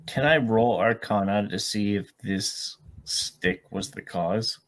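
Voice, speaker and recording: A man's voice: fairly low pitch, slow. A man taking part as a player in a tabletop game, laid-back in his replies.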